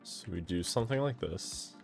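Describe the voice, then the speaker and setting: Faint music plays behind a man whose low, creaky, expressive voice moves at a normal speed. He's a gameplay streamer musing aloud and revising his plans, with occasional yawns that betray his tiredness.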